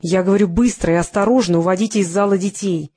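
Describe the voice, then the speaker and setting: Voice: medium pitch, steady tone, fast, darkish tone, close to an everyday voice. An audiobook reader voicing a bossy male police detective who hisses urgent orders.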